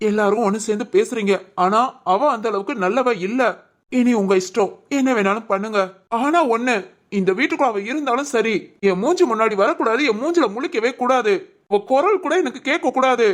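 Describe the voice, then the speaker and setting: A woman's voice: fairly high pitch, a little fast. Woman voicing a family drama.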